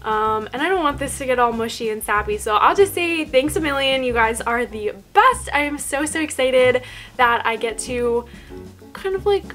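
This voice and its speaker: A woman's voice: on the high side, moderate pace, fairly bright tone, soft background music. A young woman chatting to her channel's viewers in a casual vlog, bubbly, giggly and enthusiastic. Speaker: YouTube vlogger.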